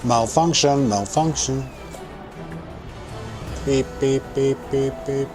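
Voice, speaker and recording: A man's voice: mid-range voice, slow, over music, natural voice. A man joking as a glitching robot. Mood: playful. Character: glitching male robot, jokey beeping malfunction. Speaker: game streamer. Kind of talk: casual live-stream chat.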